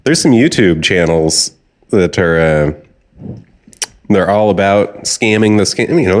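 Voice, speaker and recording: A man co-hosting a podcast, telling a rambling, animated story in casual chat. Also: sits low. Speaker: podcast co-host.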